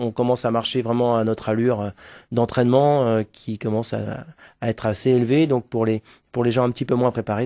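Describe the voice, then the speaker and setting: Homme à la voix feutrée, interview radio. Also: male voice, mid-range voice, mellow, dry recording, studio quality. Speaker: interview guest, school staff organising a charity walk team. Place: close dry radio microphone.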